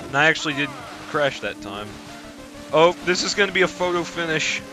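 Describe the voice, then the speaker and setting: A man calmly narrating his own play in casual gameplay commentary. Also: on the high side, a little fast, music in the background. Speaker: let's play host playing the game.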